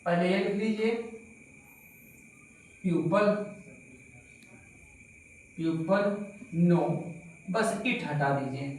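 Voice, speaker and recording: A man teaching a slow grammar lesson to pupils, repeating points and asking them questions. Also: high-pitched, far from the mic. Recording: very echoey room, voice from off-mic.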